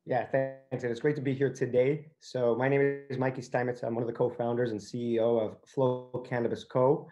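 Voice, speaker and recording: A Venezuelan man speaks as a company founder on a discussion panel, conversational and full of hedging, with frequent "you know" and "kind of." His mid-range, dark-toned voice is flat and brisk, with few pauses. Faint music plays behind him.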